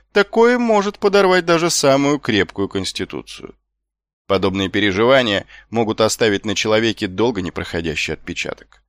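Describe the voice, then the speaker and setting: Expressive male audiobook narrator. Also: mid-range voice, no echo. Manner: expressive storytelling. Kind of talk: scripted narration. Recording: dry close audiobook with faint music.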